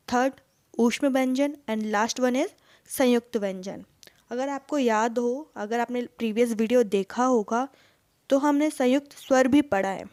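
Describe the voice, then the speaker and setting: A woman's voice: on the high side, darkish tone, dry recording, clean studio sound. A woman teacher giving an exam-prep lesson, asking questions and then answering them herself. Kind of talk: exam-prep lesson, Hindi mixed with English words.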